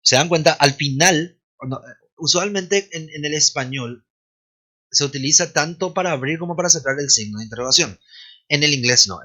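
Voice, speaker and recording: Male English teacher, bright, clear tone, patient explainer who repeats phrases slowly. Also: medium pitch. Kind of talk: online lesson explanation.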